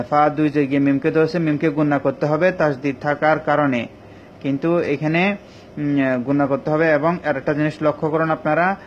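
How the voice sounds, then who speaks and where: Man teaching, slightly high, dull audio. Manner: patient, step-by-step explaining with many pauses. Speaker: Quran recitation teacher. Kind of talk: online tajweed lesson. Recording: dull lo-fi recording with faint ambient noise.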